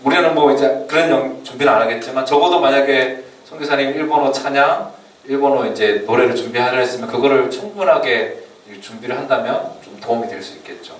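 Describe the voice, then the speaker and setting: A man giving an informal orientation lecture to church youth before a mission trip, chatty and quick to laugh. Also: medium pitch. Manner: chatty, laughs often, leans on fillers while explaining. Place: church meeting room or hall. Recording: echoey hall from far off, faint room noise.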